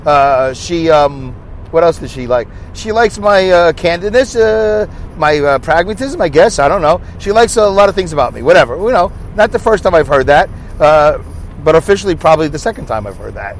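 At a moderate pace, a man with a slightly high, expressive voice and a Brooklyn accent hosts a wandering solo podcast from his car on the highway. Chatty and quick to tease himself, he keeps tossing out rhetorical questions. Road and car noise stays faint in the background.

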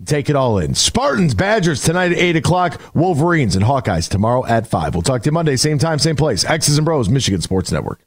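A man's voice: a little high, big pitch swings, fairly quick, hardly any pauses, no echo. A male sports radio host talking casually to his listeners. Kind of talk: casual sign-off talk to listeners.

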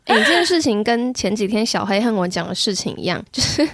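A young woman with a Taiwanese Mandarin accent, co-hosting a casual chat podcast, chatty and quick to comment, often laughing. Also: mid-range voice, expressive, a bit bright, no room sound, studio quality. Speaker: podcast co-host.

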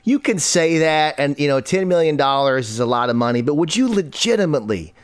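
A man hosting a comedic podcast, telling a story in an animated, incredulous, joking way and reading out chat comments. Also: on the high side, a little fast, smooth. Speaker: podcast host.

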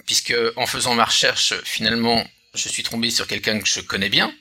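A man's voice: mid-range voice, steady tone, fairly quick, bright, forceful tone, husky. A man hosting a casual podcast chat, hesitant, with many filler sounds and restarts. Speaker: podcast host.

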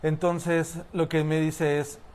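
A man's voice: fairly high pitch, little pitch movement, takes it slowly, a little mellow, a little hiss or hum. A man with a Mexican Spanish accent telling a story in a casual chat, full of slang, laughing often and acting out the voices of the people in it. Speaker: podcast co-host telling a story.

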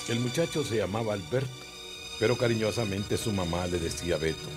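A man's voice: fairly low pitch, fairly quick. A man with a Honduran accent who narrates and directs a radio drama in a formal announcing style. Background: music.

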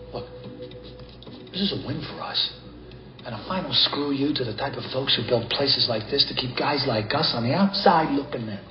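A blunt, self-assured rich financier, played by a man, speaking at an even middle pitch. His voice sits in a roomy space and sounds slightly muffled, with faint room ambience behind. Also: close to an everyday voice. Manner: cocky and blunt. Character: confident wealthy male financier.

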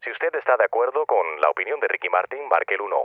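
A man's voice: fairly low pitch, expressive, fast talker, no echo. A man speaking as an automated phone poll, formal and instructing. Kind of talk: recorded phone menu prompts. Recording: muffled phone line with loud noise.

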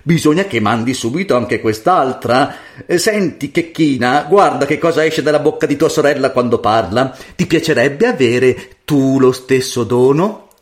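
A man voicing a greedy, domineering mother in a read-aloud fairy tale, shrill and scolding. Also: moderate pace, lightly acted. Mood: coaxing. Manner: shrill, shouting, then fawning.

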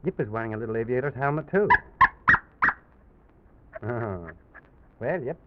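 A storyteller hosting an old-time children's radio program speaks in simple phrases aimed at young kids. His voice is mid-range and animated, and he keeps a measured pace. The old recording is noisy and muffled, with clicks.

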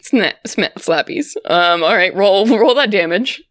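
A woman's voice: medium pitch, animated, measured pace, fairly bright tone, dry recording, clean studio sound. A woman improvising narration as the game master of a tabletop role-playing game.

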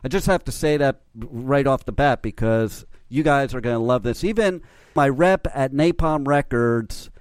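A man's voice: mid-range voice, moderate pace, smooth, no room sound. An American man hosting a radio interview in a casual, enthusiastic and informal way. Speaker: radio show host.

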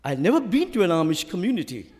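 A man with a Sri Lankan accent preaching a sermon with stories and scripture, speaking emphatically and deliberately. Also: high voice, big pitch swings, darkish tone. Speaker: visiting preacher. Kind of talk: sermon with storytelling and scripture reading. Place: large church hall, preaching to a congregation. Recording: hall reverb from a church PA.

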